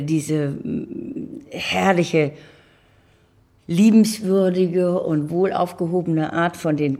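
Her voice sits low and sounds warm as this older woman, a guest on an interview, answers reflectively and conversationally. She speaks emphatically, voicing opinions and repeating words.

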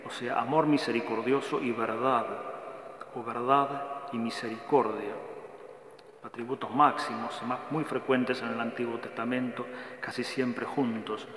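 A man's voice: mid-range voice, fairly even intonation, unhurried, a bit bright. Male friar teaching on a psalm, emphatic in his recitations, recorded in a roomy hall. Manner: frequent checking "eh?" tags; emphatic recitation of verb lists. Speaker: Dominican friar lecturing on a psalm. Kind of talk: scripture lecture. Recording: echoey hall with faint background noise.

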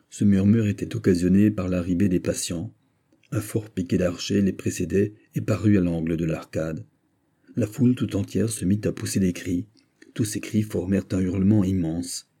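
A man narrating a classic novel as an audiobook in a steady, measured reading. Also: low-pitched, breathy edge.

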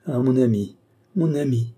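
Male reader doing a tearful scheming noblewoman, pleading and dolorous, dark husky timbre, audiobook. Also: medium pitch, lively intonation, moderate pace, pitched above the performer's own voice. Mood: anguished pleading.

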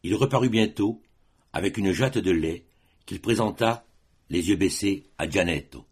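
Deep, husky man reading a classic story. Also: lively intonation, unhurried, a little mellow. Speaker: audiobook reader.

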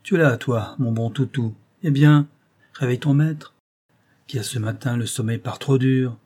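A man reading aloud and voicing a fussy, devoted old male valet, speaking loudly and coaxingly. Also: mid-range voice, moderate pace, slightly rough, natural voice. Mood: fond. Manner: fondly coaxing, raised voice.

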